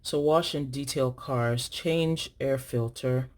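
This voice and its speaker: A Nigerian woman who vlogs about planners talks casually to her viewers as she fills in her planner, thinking out loud and correcting herself as she writes. Her voice rumbles low, with a slow pace and a darkish tone.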